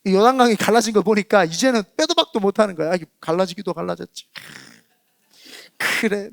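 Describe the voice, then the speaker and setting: A man preaching a Sunday sermon as pastor, acting out people's inner thoughts in lively quoted asides. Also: sits high, vocal fry, dry recording, clean studio sound. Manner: animated preaching, acts out inner voices of listeners. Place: church sanctuary.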